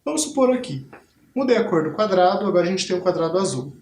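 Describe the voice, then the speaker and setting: High-voiced man teaching in an echoey room. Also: very animated, fast talker, darkish tone. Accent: Brazilian Portuguese. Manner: patient, explanatory, demonstrating body percussion. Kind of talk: school TV music lesson.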